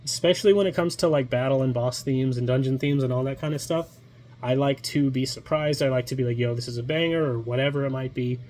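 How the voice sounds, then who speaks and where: A man's voice: mid-range voice, steady tone, fairly quick, a little mellow. A man with a nasal voice from being sick, giving a chatty, casual video game review with many ums and uhs.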